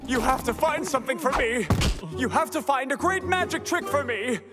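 An actor playing a pompous, demanding and excitable stage magician in a cartoon, with a theatrical, bossy delivery. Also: male voice, very high voice, moderate pace. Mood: panicked, demanding. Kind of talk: cartoon voice acting. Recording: big reverberant hall, music underneath.

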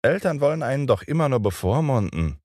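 A man's voice: lowish voice, very animated, moderate pace, no echo, clean studio sound, pitched above the performer's own voice. A man voicing Peter, a cocky, bossy boy, in a raised boyish voice in an audiobook. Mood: scornful.

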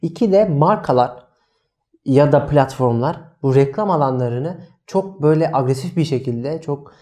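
Mellow-voiced man chatting on a podcast. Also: a little high, normal speed. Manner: animated, emphatic, addresses co-host by name. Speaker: podcast co-host. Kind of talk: casual podcast chat.

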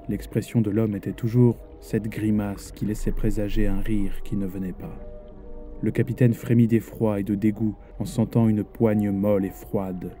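A man telling a dark sea legend in steady, dramatic scripted narration. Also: on the low side. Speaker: storyteller.

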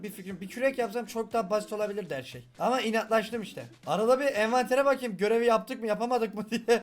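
A man giving excitable, joking commentary on his gameplay, talking straight to his viewers. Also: high-pitched. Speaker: gaming YouTuber.

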